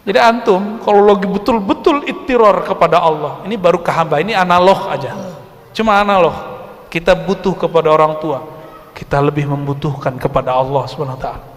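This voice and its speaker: A man's voice: fairly high pitch, a little fast, long reverb tail. A middle-aged man preaching a religious study talk in a conversational way, speaking straight to his listeners and reciting Arabic verses. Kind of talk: Islamic study sermon.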